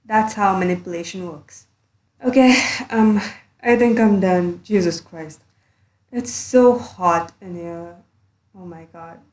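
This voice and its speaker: A woman's voice: fairly low pitch, slow pace, a little mellow, roomy sound. A woman doing a blunt, earnest commentary monologue as a YouTuber, recording under a blanket. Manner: blunt, earnest, a bit sweary.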